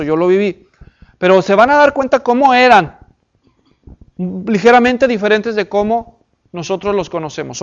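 A man with a high voice gives a sermon-style Bible lesson to a gathered group. He often checks in with his listeners and reads scripture passages slowly and deliberately. The recording sounds dull and lo-fi. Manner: addresses the audience with questions and check-ins. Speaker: preacher teaching a Bible class.

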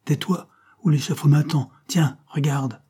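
A man's voice: on the high side, fairly even intonation, a little slow, mellow, breathy edge, voice pushed up. A man voicing a cynical, scheming male viscount who was once a tenor and speaks in curt commands. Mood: cold.

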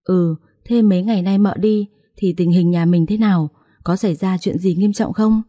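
A woman voicing a calm, inquisitive young wife in a family drama story. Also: fairly low pitch, moderate pace, natural voice.

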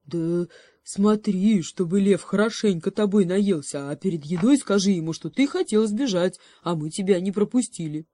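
A woman voicing a smug, cowardly male bear guarding a forest path in a storybook, speaking loudly and boastfully. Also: medium pitch, animated, moderate pace, no echo, lightly acted. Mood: gruff.

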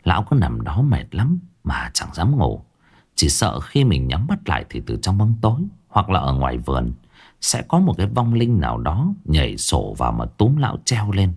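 A man narrating a ghost story in a slow, dramatic storyteller's delivery, drawing out sound words. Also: deep voice, wildly swooping pitch, gravelly, a little mellow, breathy edge. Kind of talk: scripted horror story narration.

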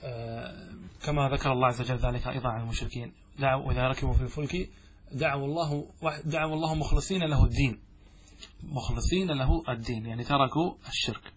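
A man teaching Arabic grammar as a sheikh in a classroom lecture. He asks the class questions, answers them himself, and slows down to chant verses and examples. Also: medium pitch, steady tone, slight background noise.

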